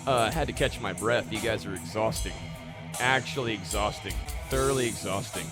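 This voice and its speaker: Rambling excitable man hosting a live stream. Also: lowish voice, fairly quick, loud music behind the voice. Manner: excitable, rambling, jumps between stories and gear talk.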